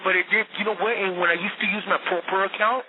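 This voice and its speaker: A man's voice: high-pitched, fairly even intonation, fast talker. Man on a tinny jail payphone call. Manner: street slang, swears freely. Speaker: jail inmate on a collect call. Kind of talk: casual phone chat. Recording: tinny phone line with faint hiss.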